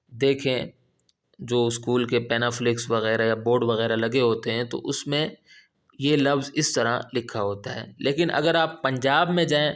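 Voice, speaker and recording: A man's voice: medium pitch, fairly bright tone. A man giving a patient spoken Urdu lesson, repeating key points and checking understanding. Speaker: Urdu teacher. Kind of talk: explanatory language lesson.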